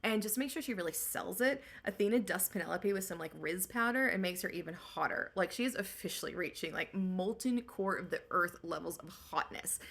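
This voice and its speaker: A woman's voice: on the low side, a little fast, few pauses, a bit bright. A young woman hosting a comedic book recap, talking in sarcastic slang. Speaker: host.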